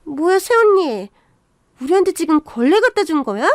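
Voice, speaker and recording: A woman voicing a spoiled, snippy young sister-in-law who talks back in a shrill, indignant way, in a radio story reading. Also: big pitch swings, moderate pace, dry recording, heavily acted.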